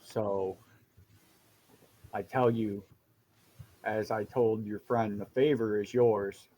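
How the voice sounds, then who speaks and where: A man voicing a male dwarf who speaks in a formal, measured and guarded way. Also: fairly low pitch, steady tone, dark tone.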